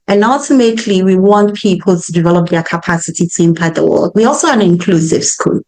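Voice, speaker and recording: A woman's voice: lowish voice, fast talker, darkish tone, rough recording. A woman with a West African, Ghanaian accent, answering interview questions earnestly and emphatically, often checking in with "right?". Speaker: school founder, interview guest.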